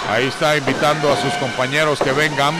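A man doing live wrestling commentary as a play-by-play announcer, colorful and excitable, with drawn-out exclamations. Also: medium pitch. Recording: clearly noisy live venue recording.

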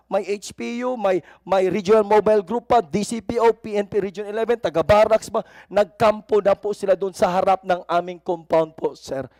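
Middle-aged minister guy testifying, high voice, impassioned, begging politely. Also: darkish tone, dry recording. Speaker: church minister testifying at a hearing. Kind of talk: formal testimony at a legislative hearing.

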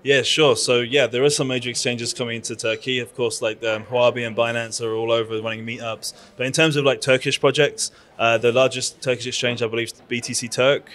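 Brisk and with few pauses, a London man in his thirties speaks in a flat, fairly bright mid-range voice with a British accent. He's a conference founder and PR agency owner, interviewed at a conference booth on a handheld mic, enthusiastic and chatty with many fillers and restarts.

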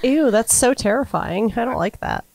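A woman playing along at a game night with friends, teasing and reacting with lively expression. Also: fairly high pitch, moderate pace, vocal fry, crowd noise, rough recording. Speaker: guest player. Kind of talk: casual chat.

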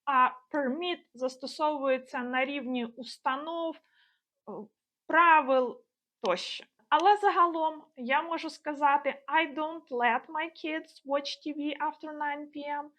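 A woman explaining English grammar as a teacher, in clear, measured speech and slowing down to spell out example phrases. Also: high-pitched, bright, forceful tone.

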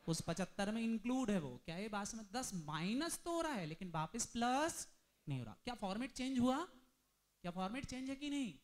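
A man's voice: very high-pitched, very animated. Male commerce tutor, classroom lecture, quizzes the students nonstop. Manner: drills students with rapid questions; mixes Hindi with English terms. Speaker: commerce teacher.

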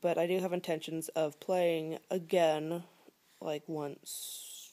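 Chatty young woman, mellow low voice. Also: flat delivery, takes it slowly. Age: 20s. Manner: chatty, rambling with many fillers, drops to a whisper at times. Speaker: vlogger. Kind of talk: casual chat to camera. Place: living room at home, indoors. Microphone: phone or laptop camera held close.

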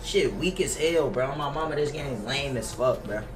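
A game streamer, a young American man in his twenties, chats casually on a livestream from his home gaming room, griping in a profane, slangy, repetitive way. His medium-pitched voice moves at a moderate pace. Though he uses a headset mic, the sound is roomy and distant, with background noise.

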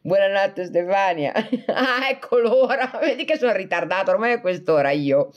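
A woman's voice: mid-range voice, lively intonation, moderate pace, dull audio. Chatty, joking woman livestreamer. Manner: chatty and joking, breaking often into laughter; reads out and answers viewer comments. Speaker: livestream host. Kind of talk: casual livestream chat, signing off to viewers.

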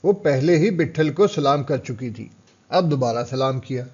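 A man's voice: medium pitch, lively intonation, darkish tone, husky, dull audio. Man narrating a novel audiobook.

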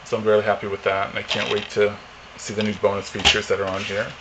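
A man in his forties rambles casually through an unboxing vlog in his home living room, using lots of fillers. He talks fast in a lowish, monotone voice over heavy background noise.

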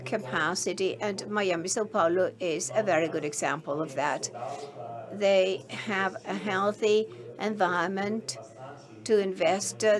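A woman giving a simultaneous interpretation of a conference keynote, halting and filling pauses with many hesitation sounds. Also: mid-range voice.

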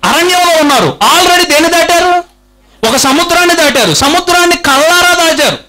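A man's voice: extremely high pitch, moderate pace, low-quality recording. A man preaching a sermon, firing rhetorical questions at the congregation and repeating phrases for emphasis. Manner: animated, emphatic repetition.

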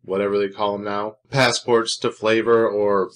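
A man's voice: on the low side, level tone, moderate pace, slight background noise. Dry-humored man reviewing snacks. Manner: dry, sarcastic, rambling with fillers. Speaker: food reviewer host. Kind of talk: casual food review vlog.

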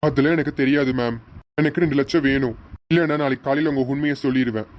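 A man voicing a greedy blackmailer in a TV serial who keeps pushing for his money. His voice sits at a middling pitch, and he talks in an insistent, threatening way. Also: quick pace, muffled recording, natural voice. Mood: demanding. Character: greedy male blackmailer demanding payment. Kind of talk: Tamil TV serial acting.

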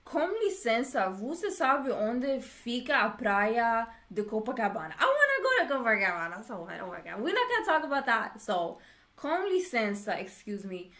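A woman's voice: fairly high pitch, very animated, measured pace, fairly bright tone. A woman vlogger chatting playfully as she repeats words from a language lesson. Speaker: vlogger learning Portuguese. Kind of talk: casual chat, repeating phrases after a lesson.

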